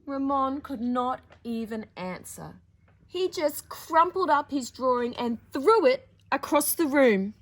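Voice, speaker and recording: Taking her time, a high-voiced woman with lively intonation presents a storytime session. She reads picture books with theatrical, playful flair and dramatic emphasis, breaking off for chatty remarks to her young audience.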